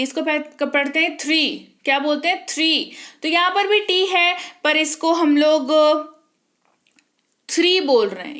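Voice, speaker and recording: High-voiced woman teaching pronunciation. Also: a bit bright. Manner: spells words out letter by letter, asks and answers her own questions. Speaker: English teacher. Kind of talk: spoken English lesson.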